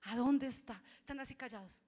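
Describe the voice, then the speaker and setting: A woman's voice: a little high, fairly quick. Lady preaching in church, all fired up then dropping to a whisper. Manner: impassioned, swings from loud cries to hushed whispers. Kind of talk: sermon. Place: church sanctuary.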